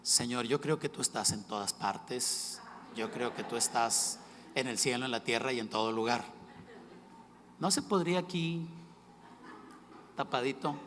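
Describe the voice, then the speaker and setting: A middle-aged man preaching a sermon, telling a personal story that shifts from hushed retelling to loud, emphatic bursts. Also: mid-range voice, unhurried, pauses often, slight background noise. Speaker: pastor. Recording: echoey hall with faint ambience.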